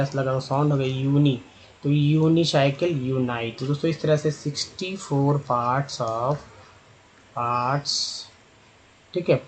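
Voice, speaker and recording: With a medium-pitched, darkish voice, a man explains an online lesson, sounding out English words and spelling letters while chatting to viewers as friends. A little hiss or hum is audible.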